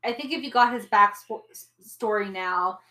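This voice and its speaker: A woman co-hosting a podcast in relaxed casual chat, trailing off with fillers. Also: medium pitch, moderate pace, roomy sound. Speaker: podcast co-host.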